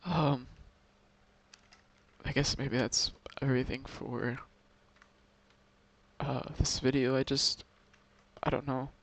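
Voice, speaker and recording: A young man in an emotional confessional vlog, talking to his subscribers in a halting way with many pauses and restarts, upset, sighing and close to tears. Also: medium pitch, level tone. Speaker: video creator talking to subscribers.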